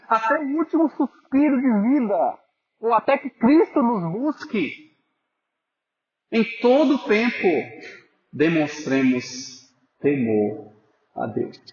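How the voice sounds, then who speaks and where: A man preaching a sermon as pastor, earnest and pastoral, calling listeners brothers and sometimes dropping to a soft voice for emphasis. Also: high voice, expressive, takes it slowly, reverberant, highs cut off. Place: church.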